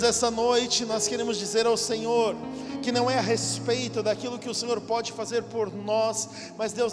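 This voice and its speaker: High-voiced pastor in a reverberant hall. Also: male voice. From São Paulo, Brazil. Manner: fervent, repetitive prayer addressing God. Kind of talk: sermon and spoken prayer. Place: large church hall at a conference. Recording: hall reverb with music behind.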